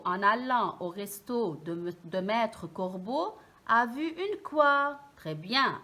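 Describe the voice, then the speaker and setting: A woman teacher gives a reading lesson to young children. She speaks very slowly and stresses each sound with care. Her voice sits fairly high and rises and falls a great deal. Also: bright, forceful tone. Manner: slow, clearly articulated, stressing each sound.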